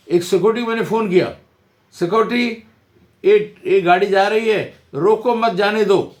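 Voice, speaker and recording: A man, an advocate teaching about communication in a halting, repetitive explanatory way. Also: fairly high pitch. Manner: halting, repeats words and restarts often. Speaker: advocate giving a legal lesson. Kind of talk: informal explanatory talk.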